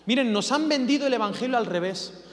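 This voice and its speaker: A man preaching a sermon, humorous and animated, firing off rhetorical questions. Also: very high-pitched, brisk. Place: church. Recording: long reverb of a church hall.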